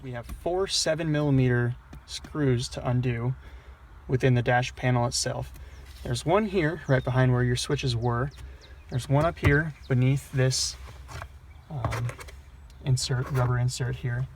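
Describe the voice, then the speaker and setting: This hands-on car dashboard installation tutorial is led by a man who explains each step plainly and casually. He speaks at a medium pitch and an unhurried pace, with a little hiss or hum in the recording.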